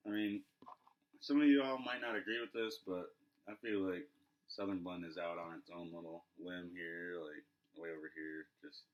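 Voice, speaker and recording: A man's voice: deep voice, fairly even intonation, moderate pace. A man in his twenties casually reviewing in conversation, speech slightly muffled by a lip full of dip. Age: 20s. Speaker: product reviewer. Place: small living room, indoors. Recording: dull sound with clear background noise.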